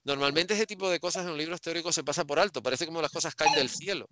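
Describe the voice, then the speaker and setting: A middle-aged man from Spain with a bright, crisp voice, speaking over a headset on a video call. He picks his way through his thoughts with restarts and small hesitations. The sound is dry and close. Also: a little high, quick pace, dry recording. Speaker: interviewer. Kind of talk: casual video-call interview. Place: home room with bookshelves.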